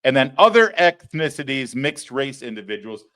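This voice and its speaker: A man's voice: mid-range voice, sing-song, normal speed, fairly bright tone. A man hosting a political talk show, sarcastic and mocking, laughing at his own jokes. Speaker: show host. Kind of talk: opinionated political commentary.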